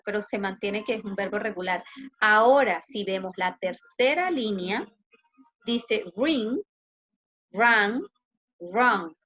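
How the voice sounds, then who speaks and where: A woman's voice: mid-range voice, fairly bright tone. Woman, Chilean Spanish accent, patient English teacher, online class, questions to students, dull call sound. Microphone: video call. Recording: muffled video call audio.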